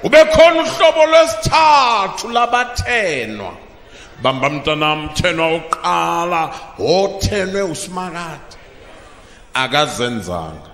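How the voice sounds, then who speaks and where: A man preaching a sermon into a pulpit microphone, who bursts into shouted emphasis and then drops low. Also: animated, a little slow. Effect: preaching through a pulpit microphone. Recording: long reverb of a large hall.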